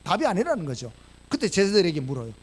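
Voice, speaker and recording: Speaking fast in a high, husky voice, a man with a Gyeongsang Korean accent preaches as pastor in a church sanctuary. He is animated and keeps throwing rhetorical questions at the congregation.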